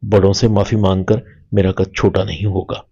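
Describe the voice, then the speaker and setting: A man reading the calm, earnest lines of a young wife keeping family peace, in a husky low voice. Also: dull audio.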